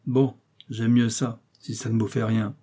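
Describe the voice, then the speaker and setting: A man voicing a brawny Parisian street thug who protests loudly and insistently in slangy speech. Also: medium pitch, level tone, measured pace, slightly rough. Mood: wary.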